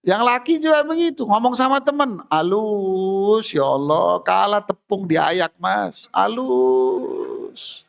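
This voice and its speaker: A man's voice: high voice, animated, slow, vocal fry. A male Islamic preacher, giving a humorous sermon in a mosque and acting out everyday scenes.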